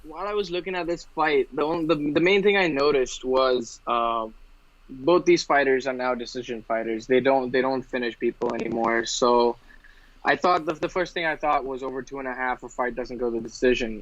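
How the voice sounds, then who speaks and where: A man from India co-hosting a casual podcast chat about fight bets, talking in quick rambling runs full of restarts. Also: medium pitch, no echo. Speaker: podcast co-host. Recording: dull, dry, lo-fi sound.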